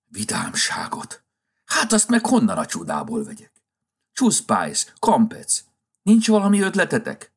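A man's voice: medium pitch, husky, voice pushed up, full character voice. A man voicing a grumpy, flustered old Santa Claus in a storybook reading, with a scolding, impatient manner. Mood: puzzled. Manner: scolding, then tender and excited.

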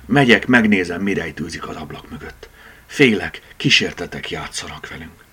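A man's voice: low-pitched, animated, a bit bright, husky, exaggerated voice. A man voicing a curious, determined red tomcat in an audiobook, eager in manner.

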